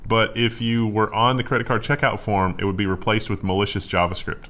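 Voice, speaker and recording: Lowish voiced guy reading tech headlines, jokey cohost. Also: flat delivery, a little fast, sharp tone. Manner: reads headlines, then jokes. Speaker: co-host. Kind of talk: casual tech news chat.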